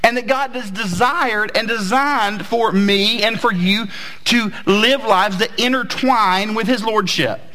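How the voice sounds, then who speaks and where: A man's voice: high-pitched, a little slow, bright, forceful tone, low-quality recording. An American man of about forty preaching a church sermon as a pastor, conversational, with emphatic repetition for effect.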